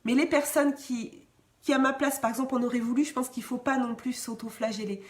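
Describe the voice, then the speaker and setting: A woman's voice: fairly high pitch, fairly even intonation, a little fast. A woman podcast host chatting casually and encouragingly, reading listener comments with frequent restarts and light laughter. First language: French. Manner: warm encouraging, often laughing; hesitant restarts, varied pace.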